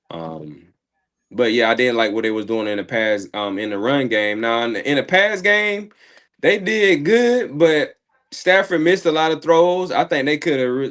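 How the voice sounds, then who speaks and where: A man co-hosting a sports show, casually recapping a football game in a rambling, slangy way, his throat slightly hoarse. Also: on the low side, fairly bright tone. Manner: rambling, slangy, repeats words and fillers.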